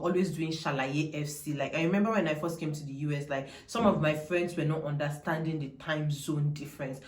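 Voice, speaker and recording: A deep-voiced young woman with a Nigerian accent, recorded in a reverberant room, vlogs casually to camera. She speaks emphatically, digresses often, and keeps repeating her points.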